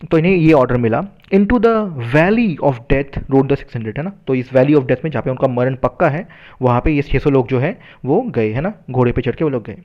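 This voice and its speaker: A man's voice: mid-range voice, highs cut off. Man explaining a poem in a mixed tongue. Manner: many fillers, tag questions, slow recitation of verse. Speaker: literature teacher. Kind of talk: poem lesson mixing Hindi and English.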